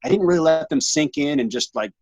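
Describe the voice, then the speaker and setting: A man in his forties telling his story as an interview guest, animated and slangy, rambling with lots of restarts. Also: on the high side, fast, no echo. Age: 40s.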